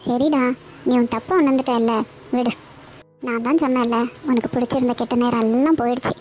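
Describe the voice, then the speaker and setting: A woman's voice: fairly high pitch, steady tone, fairly quick, darkish tone, soft background music, close to an everyday voice. A woman voicing a caring old grandmother in a cartoon, who speaks soothingly. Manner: soothing, reassuring.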